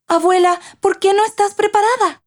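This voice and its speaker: Woman doing a high-voiced little girl. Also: lively intonation, a little slow. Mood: worried. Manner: high, eager questions. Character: young girl, loving and curious granddaughter.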